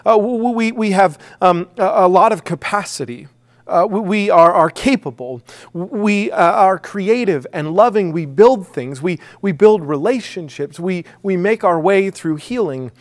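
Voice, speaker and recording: Slightly slow and animated, a middle-aged man speaks in a high-pitched voice with an American Midwest accent. As a pastor, he gives his sermon conversationally, with many fillers and restarts.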